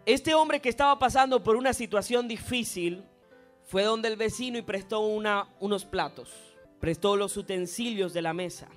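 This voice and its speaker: A man preaching a sermon, telling stories dramatically and building to loud, impassioned preaching. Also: sits high, normal speed, faint music behind. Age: adult, past university. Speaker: pastor.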